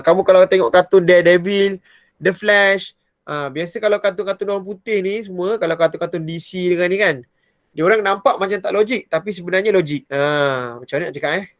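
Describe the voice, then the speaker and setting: A man with a Malaysian Malay accent, a primary science teacher explaining a lesson to his pupils in a chatty, animated way. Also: high voice, dry recording, clean studio sound. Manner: chatty and animated, often starting with "ha".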